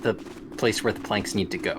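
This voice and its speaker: A man's voice: on the low side, a little fast, noisy background. A man chatting casually and playfully as he comments on a game being played. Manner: playful, bantering. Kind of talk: casual gameplay chat.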